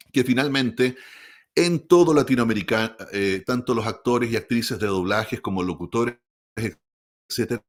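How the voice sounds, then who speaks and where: A man who produces audiobooks, explaining the craft in a measured way and often checking in with the listener. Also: medium pitch. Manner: measured, explanatory, frequent tag questions. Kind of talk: explanatory talk.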